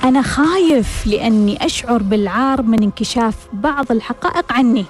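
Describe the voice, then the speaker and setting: Woman, radio host, repeats her questions, high voice. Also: fairly quick, soft background music. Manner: rhetorical, repeats questions for emphasis. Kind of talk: radio self-help talk.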